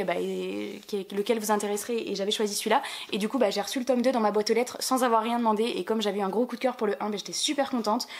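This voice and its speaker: A woman with a French accent chatting casually on her book vlog, full of fillers and restarts. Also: fairly high pitch. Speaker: book vlogger. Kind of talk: casual book haul chat.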